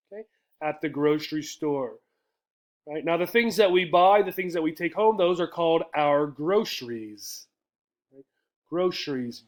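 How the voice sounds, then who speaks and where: This high-pitched American man is an English teacher explaining vocabulary to learners. He's didactic, says the important words more than once, and keeps checking in along the way.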